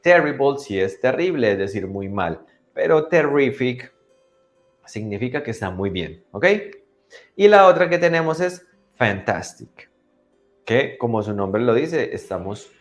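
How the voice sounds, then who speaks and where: A man teaching English to children in an online class, often checking they follow and drilling pronunciation slowly. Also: on the low side, lively intonation, soft background music. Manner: teacherly, asks for agreement after each point.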